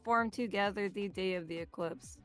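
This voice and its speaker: A woman with an average-pitched voice talks casually on a group stream. Faint music sits behind her. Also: normal speed. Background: background music.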